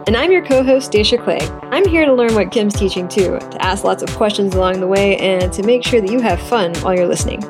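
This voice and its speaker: A woman's voice: medium pitch, lively intonation, a little fast, few pauses. A woman with a mid-range voice co-hosts a casual podcast. She has a runny nose and talks in a playful, jokey manner. Music plays faintly behind her. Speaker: podcast co-host.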